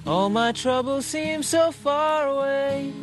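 An actor playing a young male musician, singing softly to friends over his guitar in a film clip. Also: very high voice, slow pace. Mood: tender. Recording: film audio with loud guitar.

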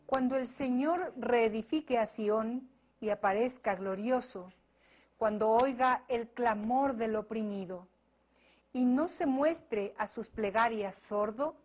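A woman's voice: fairly high pitch, a little mellow. A woman reciting a psalm as a lector at Mass.

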